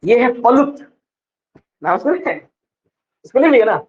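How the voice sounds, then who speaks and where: With an extremely high pitch and a very animated delivery, a male teacher lectures on vowels in a classroom manner, stretching example words and explaining slowly while often making sure students are following. The recording sounds dull and lo-fi.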